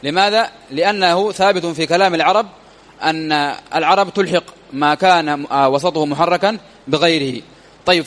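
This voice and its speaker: A man teaching grammar in a classroom lesson, reading a text aloud and explaining it, often asking and answering his own questions. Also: on the high side. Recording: long hall reverb.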